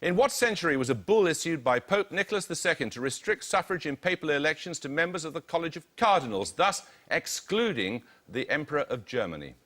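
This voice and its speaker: Crisp, bright-voiced male quiz host. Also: fairly high pitch, very animated, brisk, few pauses. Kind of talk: reading quiz questions and team introductions.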